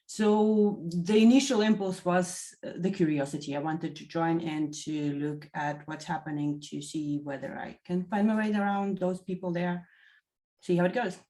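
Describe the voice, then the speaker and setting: A woman in her thirties from Latvia, giving a reflective testimonial interview and pausing often to find her words. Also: fairly low pitch, darkish tone. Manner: thoughtful, many fillers and self-corrections. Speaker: interview guest, executive assistant.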